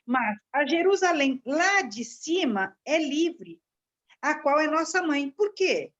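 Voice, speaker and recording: A woman giving a halting, searching commentary on a Bible passage in a study class. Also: high-pitched, sing-song, fairly bright tone. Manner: searching, halting delivery with restarts. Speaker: class participant. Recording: dull lo-fi sound.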